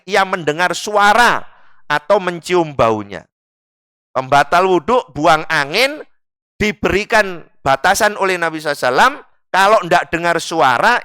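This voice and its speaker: A man with an East Javanese accent giving a religious study lecture in a mosque, lively and jokey, slipping local dialect into the lesson. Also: high voice, clear, resonant tone, no room sound, clean studio sound. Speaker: Islamic teacher.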